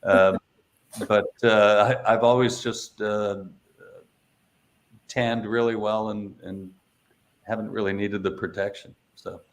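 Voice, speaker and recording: Middle-aged male guest, gravelly low voice, halting storyteller full of fillers. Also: flat delivery. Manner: hesitant, many fillers and restarts. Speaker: paramotor instructor and guest. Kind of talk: casual interview storytelling.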